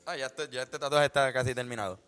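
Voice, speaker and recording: A young man with a Puerto Rican accent co-hosting a podcast from a tattoo studio, talking in a warm, playful, teasing way. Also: medium pitch, fast, soft background music. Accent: Puerto Rican Spanish. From Puerto Rico. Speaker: podcast co-host. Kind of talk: casual chat.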